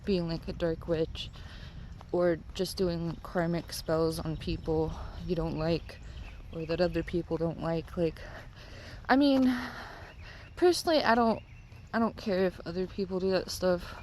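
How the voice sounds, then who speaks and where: A stoned woman rambling casually and haltingly, with lots of filler "like"s, as she vlogs on a walk. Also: lowish voice, fairly even intonation, a little mellow, slight background noise. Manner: rambling, halting, heavy use of "like". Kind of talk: casual rambling vlog talk. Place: outdoors, on a walk.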